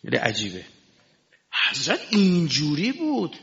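A man giving an impassioned sermon, dropping to a hush and then rising to shouting. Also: on the high side, wildly swooping pitch, creaky. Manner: impassioned, swings between hushed and shouting. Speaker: religious preacher. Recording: echoey hall, dull lo-fi sound.

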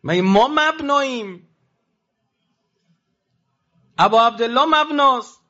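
A man preaches an impassioned sermon to pilgrims, firing off rhetorical questions as his pitch swings sharply up and down with sudden rises and drops. His intonation is lively and his tone sharp, captured in lo-fi sound.

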